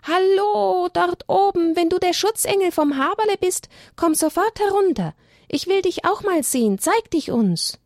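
A cheeky young male animal from a children's story, as a woman reader puts him on. He speaks high and bold, with a gravelly, husky edge. The sound is close and dry. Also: very animated, moderate pace, no echo, exaggerated voice. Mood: bold, calling out. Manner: cheeky, loud-spoken.

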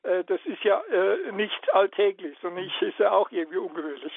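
A man's voice: sits high, very animated, fairly quick, vocal fry, slightly rough, dry recording. A man calling in to a radio show, earnest and hesitant, with many fillers. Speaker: caller. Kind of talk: phone-in call. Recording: tinny dry phone line.

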